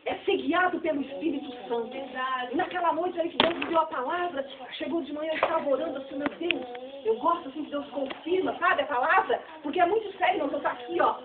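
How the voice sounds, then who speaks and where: High-voiced fervent Brazilian woman preaching. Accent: Brazilian Portuguese. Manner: fervent, emphatic preaching that swells into shouting. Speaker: preacher at a church fellowship. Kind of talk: sermon. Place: church hall. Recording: tinny, distant, echoey church recording.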